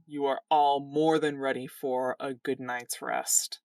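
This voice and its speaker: Woman gm, low and slow, dry sound, sits back from mic. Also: dry recording, far from the mic. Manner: calm, descriptive narration. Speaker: game master. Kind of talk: narrating a tabletop game.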